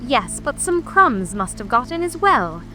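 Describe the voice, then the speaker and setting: Storybook mad hatter: high, swooping, whimsical grumbler, theatrical singsong, music bed. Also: female voice, very animated, measured pace, sharp tone, heavily acted, rough recording. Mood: grumbling. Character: mad Hatter, grumbling, mournful, whimsical tea-party eccentric. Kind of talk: full-cast dramatic audiobook reading.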